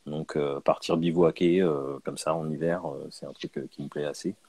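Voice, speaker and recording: Low-voiced hesitant man, dry sound. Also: steady tone, normal speed, mellow, slightly rough, dry recording. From born in Canada. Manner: hesitant, many fillers and restarts, laughs easily. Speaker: guest comic artist. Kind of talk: casual interview answers.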